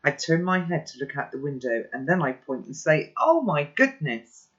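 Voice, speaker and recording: Casting: calm first-person storybook narrator, mid-pitched, lo-fi sound. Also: a little fast. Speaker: reader. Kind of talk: reading a children's novel aloud.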